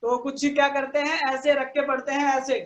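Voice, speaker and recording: In an online video call, a woman with a high, level-toned voice teaches a children's class, and the sound is reverberant. She patiently explains each step slowly and keeps asking "ठीक है ना" to make sure the kids are following.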